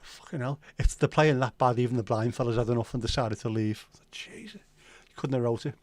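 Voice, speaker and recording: Telling stories and joking as he goes through viewer comments, a middle-aged Liverpool host with a Scouse accent keeps his livestream relaxed and sweary. His ordinary middle-pitched voice is fairly quick, recorded close and dry with no room sound.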